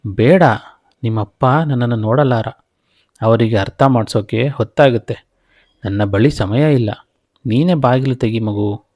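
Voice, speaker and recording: A man's voice: mid-range voice, a little slow, pauses often, darkish tone, dry recording, clean studio sound, close to an everyday voice. A man voicing a ghost that poses as a loving mother, coaxing and insistent.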